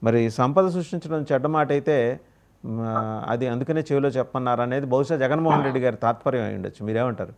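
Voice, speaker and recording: A man's voice: mid-range voice, quick pace, darkish tone. A man anchoring a televised political debate, cutting in on guests and pressing them with pointed questions. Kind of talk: moderating a heated panel debate.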